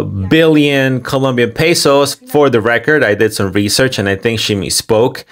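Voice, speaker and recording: A man hosting a video commentary, speaking in deliberate, emphatic phrases with pauses. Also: medium pitch, fairly bright tone. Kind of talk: scripted commentary with loose running translation.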